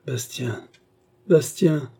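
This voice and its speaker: A man's voice: medium pitch, normal speed, warm tone, breathy edge. A man reading aloud, voicing a dying old man who confesses his crimes in a faint, broken, pleading voice.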